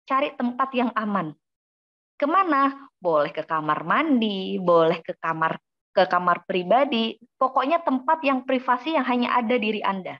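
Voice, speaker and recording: A woman giving a lively parenting talk in a webinar. She asks questions and then answers them herself. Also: a little high. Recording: dull lo-fi webinar audio.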